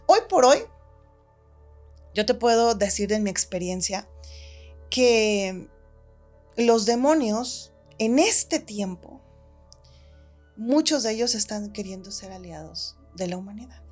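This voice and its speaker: A woman, a podcast guest, telling a story in a lively way and acting out the quotes. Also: takes it slowly, long pauses, faint music behind. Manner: animated, acts out quotes, shifts pitch when telling the story. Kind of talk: casual storytelling.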